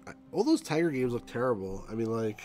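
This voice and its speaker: A middle-aged man hosts a let's play with casual commentary. His voice sits at an average pitch, recorded in a room at home. Game music plays faintly behind him. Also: big pitch swings, fast talker, darkish tone. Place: small room at home, indoors.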